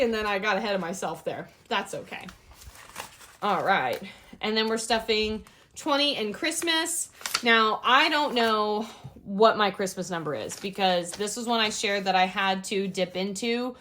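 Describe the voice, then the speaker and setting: A budgeting vlogger counts cash into budget envelopes while chatting casually with viewers, whom she calls "y'all." Her mid-range voice has a fairly bright tone, and she's bubbly, upbeat and talkative despite having the hiccups.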